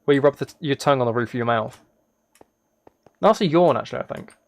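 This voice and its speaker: Here a man of medium pitch and slightly mellow tone speaks quickly over a dry recording. He's a live streamer gaming and reading chat, drifting from thought to thought in easy conversation.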